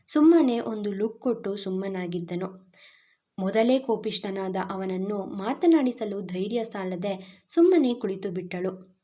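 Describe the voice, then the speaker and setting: A woman narrating a sad love story in a slow, gentle, emotional reading. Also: mid-range voice. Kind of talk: scripted narration.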